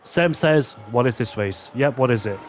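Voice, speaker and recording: A man's voice: mid-range voice, moderate pace. Male motorsport commentator over engine noise. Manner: excitable play-by-play, exclaiming at on-track action. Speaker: esports racing commentator. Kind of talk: motorsport commentary of an online sim racing league.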